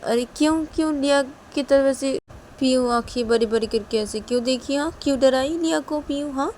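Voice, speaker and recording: A woman's voice: on the high side, animated, takes it slowly, mellow, slight background noise, pitched above the performer's own voice. A woman doing a concerned middle-aged father. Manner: repeating anxious questions.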